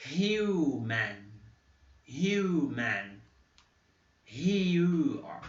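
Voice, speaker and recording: A man teaching a pronunciation lesson, slowly repeating example words out loud. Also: medium pitch. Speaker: English teacher. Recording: echoey, distant, dull mic.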